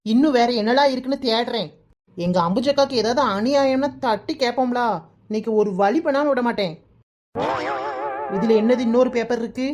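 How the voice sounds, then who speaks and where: A woman's voice: a little high, darkish tone, natural voice. A woman voicing a feisty young village neighbor. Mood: indignant. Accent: Kanyakumari Tamil. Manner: brisk, emphatic and protective. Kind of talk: cartoon voice acting.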